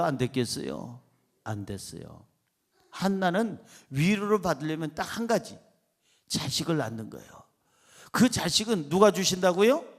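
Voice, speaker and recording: High-voiced Korean pastor preaching. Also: male voice. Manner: preaching with questions to the congregation and sudden loud emphasis. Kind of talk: sermon. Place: church.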